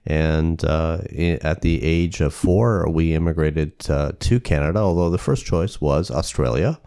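A man's voice: a bass voice, a little slow, dark tone, clear, resonant tone. A man hosting a local radio talk show, asking questions with a hesitant, filler-heavy manner. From England. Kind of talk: casual interview chat.

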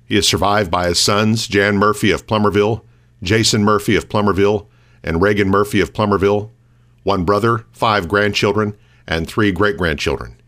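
American man, lower register, scripted morning radio news host for a local station. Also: normal speed, a bit bright.

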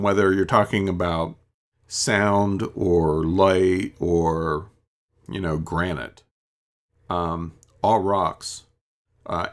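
Deep-voiced man musing on spirituality. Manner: rambling, reflective, many ums and asides. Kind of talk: casual spiritual monologue.

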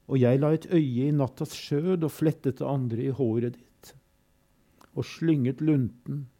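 A man reading poems aloud slowly and solemnly, with long pauses, and adding brief comments between them. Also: medium pitch, mellow, breathy edge. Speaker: poetry reader and commentator.

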